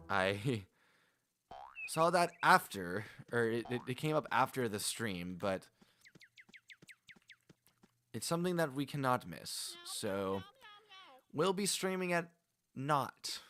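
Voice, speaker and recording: A man with a mid-range, somewhat bright voice plays a game on a livestream while chatting casually with his audience. He rambles, laughs, often restarts and addresses viewers by name.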